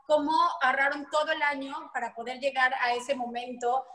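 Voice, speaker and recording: A Mexican woman, a podcast guest, telling lively stories with frequent laughter. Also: high voice, a little fast, roomy sound. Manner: animated storytelling, laughing often. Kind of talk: casual chat.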